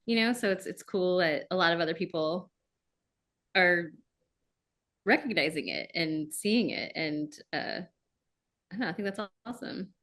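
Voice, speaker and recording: Brief: woman guest, animated and giggly, casual interview. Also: fairly low pitch, normal speed, long pauses. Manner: bubbly, laughing, animated. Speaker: voice actress guest.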